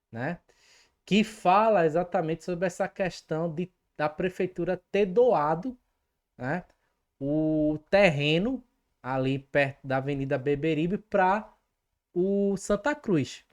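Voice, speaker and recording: A woman with a low, slightly mellow voice hosts a fan channel in an opinionated commentary vlog. She comments emphatically and with indignation, addressing her viewers directly.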